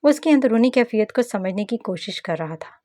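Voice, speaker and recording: A woman narrates a romance novel at a middle pitch, recorded close up with no room sound at all. She reads steadily through the narration and lifts her voice brighter whenever she speaks a character's lines. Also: lively intonation, a little fast, no room sound. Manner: voices every character, rising and brighter in quoted dialogue. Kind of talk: scripted novel narration with acted dialogue.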